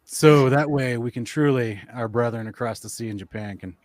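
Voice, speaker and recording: A man's voice: medium pitch, brisk, no echo. A man on a discussion panel, joking and playful. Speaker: panel guest.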